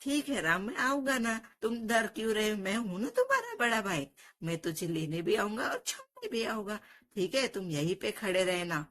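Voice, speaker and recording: A woman voicing a kind young cowherd who gently reassures his little brother in a storybook tale. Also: mid-range voice, normal speed, hardly any pauses, lightly acted. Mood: reassuring. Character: kind protective older brother, cowherd youth.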